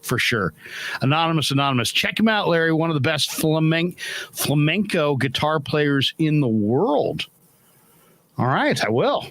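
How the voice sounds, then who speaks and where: A man's voice: on the high side, big pitch swings, moderate pace, a bit bright, no room sound. A middle-aged man hosting a casual chat over a video call, wisecracking and reading chat comments aloud. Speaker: host.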